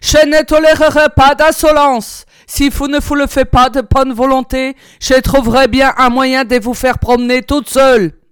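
A woman's voice: sits high, fairly even intonation, normal speed, hardly any pauses, clear, resonant tone, no echo, clean studio sound, voice pushed up, close to an everyday voice. A woman reading a story aloud, voicing a brusque, violent Prussian officer who gives harsh commands.

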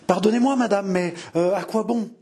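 A man voicing a gruff but shy old soldier of fortune who answers haltingly and evasively. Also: sits high, mellow, pitched above the performer's own voice, lightly acted. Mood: embarrassed.

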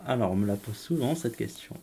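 A young adult man with a southern French accent, an English teacher answering a school interview in an easygoing, halting way. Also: medium pitch, expressive, warm tone, a little hiss or hum. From south of France.

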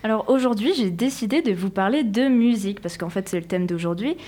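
A woman's voice: mid-range voice, a little fast, over loud music. Young woman, chatty radio columnist, self-mocking asides, fillers.

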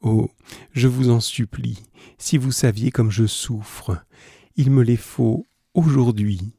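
A man's voice: on the low side, a little slow, vocal fry, warm tone, husky, no echo, studio quality, heavily acted. A man voicing an anxious young woman who stammers and begs, read aloud from a classic story. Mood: pleading. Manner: hesitant, stammering, begging.

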